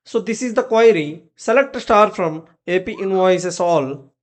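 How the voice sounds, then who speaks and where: A medium-pitched, expressive presenter moves at a measured pace, narrating software instructions step by step in short, clipped commands.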